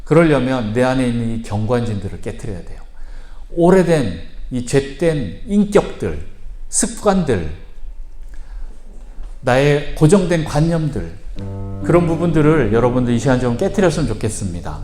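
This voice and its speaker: A man preaching as a pastor, moving from calm teaching to loud, fervent prayer, in a church with guitar music behind him. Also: medium pitch, normal speed. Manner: calm teaching, then shouted impassioned prayer. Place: church sanctuary. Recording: roomy church sound with guitar.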